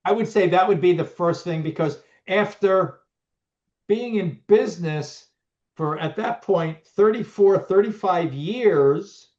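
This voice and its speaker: A middle-aged business owner being interviewed, talking casually with many restarts and fillers over a video call. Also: male voice, high voice, slow, darkish tone. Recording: muffled lo-fi audio.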